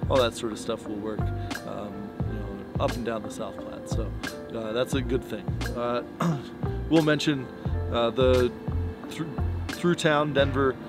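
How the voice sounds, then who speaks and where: A man's voice: mid-range voice, fairly even intonation, a little slow, creaky. A man in his thirties talking casually to camera outdoors in the snow, giving a fishing report with many fillers and restarts. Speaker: fly shop owner giving a fishing report. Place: outdoors by pickup trucks in snow. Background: music bed under the talk.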